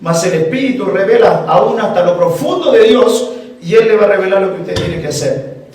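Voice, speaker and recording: A male pastor preaches with a high-pitched voice. He switches between forceful exhortation and quiet, tearful storytelling. The sound comes from a distant mic in a very echoey hall. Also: expressive, moderate pace. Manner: emotional, swings from forceful preaching to soft tearful telling. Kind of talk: sermon.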